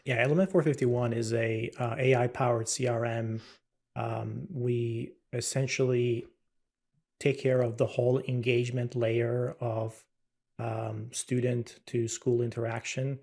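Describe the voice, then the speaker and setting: A middle-aged man from Albania, a podcast guest, speaking in a measured, hesitant way with many "um"s. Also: mid-range voice, flat delivery, gravelly, a little mellow. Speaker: guest, company CEO. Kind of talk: conversational podcast interview.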